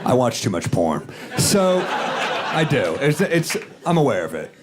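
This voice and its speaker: A man doing a stand-up comedy set on stage in a dry, deadpan manner. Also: mid-range voice, unhurried. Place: comedy stage in front of a live audience. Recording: live show with audience laughter and room noise.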